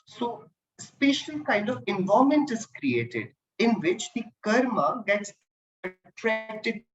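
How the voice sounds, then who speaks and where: A man's voice: high voice, big pitch swings, slow pace, dull audio. Man breaking up on a bad call. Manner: explanatory, checks in with listeners. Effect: voice breaking up over a bad call connection. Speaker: instructor. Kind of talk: online class lecture.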